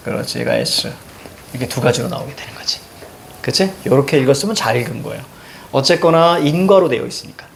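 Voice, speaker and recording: A middle-aged man teaches in a classroom, explaining exam answers step by step. He keeps checking in with his students through short tag questions. His voice sits on the higher side for a man. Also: a little hiss or hum. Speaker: Korean language teacher. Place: classroom with a blackboard.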